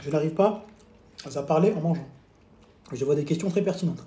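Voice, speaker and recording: A man's voice: a little high, a little fast, dark tone, roomy sound, slight background noise. A man chatting casually on a live stream while eating, teasing his viewers with playful mini lessons and quizzes. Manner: chatty, teasing, mock-lessons, talks with mouth full. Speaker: fitness coach streaming live.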